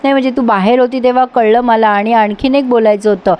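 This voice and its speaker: A woman's voice: fairly high pitch, fairly even intonation, fast, smooth, dull audio, natural voice. A woman voicing a scheming, sly drunkard father who talks in a wheedling way.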